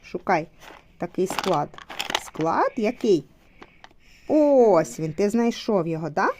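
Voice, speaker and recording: Lively encouraging mother teaching her child. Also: mid-range voice, slow, a little hiss or hum. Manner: patient, encouraging, repeats short instructions. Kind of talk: home teaching session with commentary to viewers.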